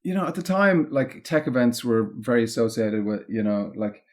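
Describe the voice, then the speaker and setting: Thinking aloud in a loose, wandering way, this Irish man is a guest on a podcast interview, where he works as a content marketing consultant. He speaks at a normal speed in an expressive, medium-pitched voice.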